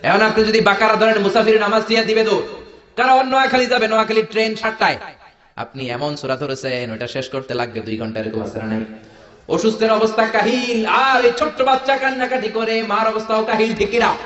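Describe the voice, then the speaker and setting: A man with a Bangladeshi Bengali accent preaching a sermon, jokey and animated, firing rhetorical questions at the crowd. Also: high-pitched, brisk. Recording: echoey hall, dull lo-fi sound.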